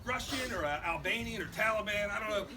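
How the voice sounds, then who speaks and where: Animated man telling a live comic story. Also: high-pitched, fast. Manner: animated, boisterous, punchline-driven. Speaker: storyteller, father. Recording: far mic, loud crowd and noise, live event.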